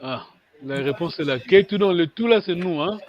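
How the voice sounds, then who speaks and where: A man teaching a language lesson over a video call, patient and hesitant, with many pauses and fillers. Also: fairly high pitch, animated, muffled recording.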